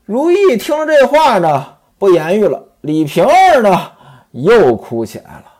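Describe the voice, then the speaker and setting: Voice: mid-range voice, wildly swooping pitch, measured pace, darkish tone. A storyteller retelling a classic novel in a conversational way, turning often to the listeners.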